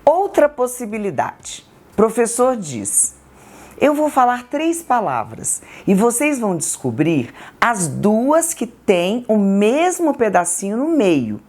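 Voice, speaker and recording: A woman with a Brazilian Portuguese accent, a textbook author explaining literacy activities slowly and deliberately. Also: fairly high pitch, big pitch swings, a little mellow. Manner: slow, deliberate, syllable-by-syllable examples. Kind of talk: educational explainer.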